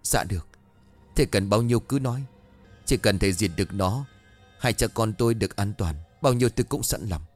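A man's voice: on the low side, faint music behind, natural voice. A man voicing a frightened middle-aged widowed father who pleads in a trembling voice. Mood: pleading, scared. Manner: trembling, pleading, quick to anger.

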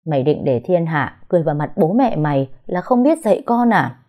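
A woman's voice: deep voice, big pitch swings, a little fast, mellow. A woman voicing a strict older father from the countryside, stern and commanding.

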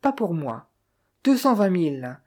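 Gruff blunt businessman, low dark voice, all deals no nonsense, woman reading him. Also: very animated, measured pace. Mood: curt. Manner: curt, dismissive.

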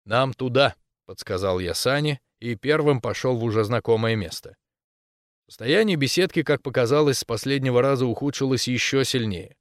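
A man narrating a first-person audiobook in a measured voice with wry, deadpan asides. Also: mid-range voice, no room sound, clean studio sound.

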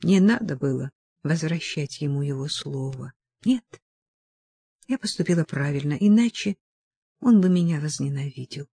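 A woman's voice: low voice, expressive, moderate pace, mellow, breathy edge, dry recording, exaggerated voice. Woman reading middle-aged mother, loving, tearful, emotional, audiobook, dry. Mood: tender, tearful.

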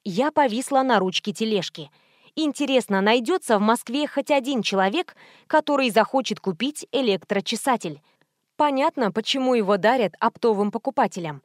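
A woman narrating a first-person audiobook in a lively, wry storytelling manner. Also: on the high side, moderate pace, no echo, clean studio sound.

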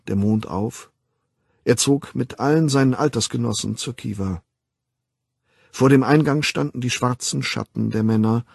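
A man reading an audiobook in a measured, grave storytelling manner, close to the mic. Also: medium pitch, gravelly, darkish tone, slightly rough, no room sound. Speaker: narrator. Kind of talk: scripted audiobook narration.

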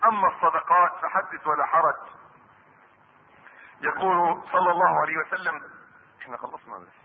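Egyptian male preacher, high-pitched and emphatic, repeats key phrases, tinny lo-fi tape with long hall reverb. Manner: emphatic, repeats key phrases and swings between loud stresses and low asides. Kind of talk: sermon. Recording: tinny lo-fi lecture recording in a big reverberant hall.

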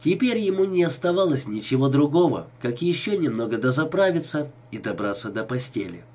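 A man narrating an audiobook in an expressive storytelling manner. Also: medium pitch, brisk, highs cut off.

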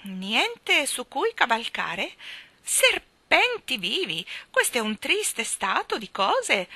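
A woman voicing an eccentric, bossy old woman with a shrill, squawking voice, speaking in emphatic, drawn-out exclamations. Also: very animated, pushed and bright, no room sound, exaggerated voice.

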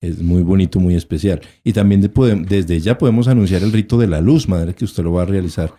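A man's voice: low-pitched, a little fast, warm tone, no room sound. A man hosting a radio show, reading announcements and respectfully interviewing a guest. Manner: respectful, addresses guest as "madre". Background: music.

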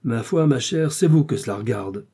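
A man's voice: medium pitch, lively intonation, normal speed, dark tone, husky. A man reading as a fretful, peevish aristocratic husband. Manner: peevish, agitated. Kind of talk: audiobook reading.

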